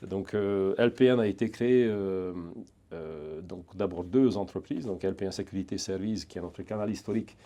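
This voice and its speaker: Deep-voiced Hungarian-accented man. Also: gravelly, mellow. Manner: halting, many restarts and fillers, chatty. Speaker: guest, security training center founder. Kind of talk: casual interview.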